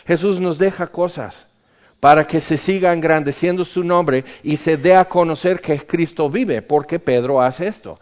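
A man preaches a sermon, his voice sitting a bit higher than most men's. He teaches in a conversational way, pausing on rhetorical questions and adding casual asides. The recording sounds dull and lo-fi. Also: a little mellow.

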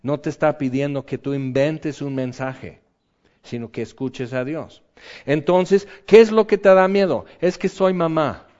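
A man preaching a sermon in an animated way, acting out quotes with sudden high yelps. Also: measured pace. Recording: dull lo-fi recording.

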